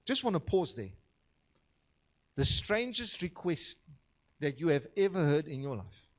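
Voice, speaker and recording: High-voiced man preaching. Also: very animated, a little slow. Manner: conversational storytelling, laughing at his own anecdotes; asks the slide operator for the next verse. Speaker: pastor. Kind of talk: sermon.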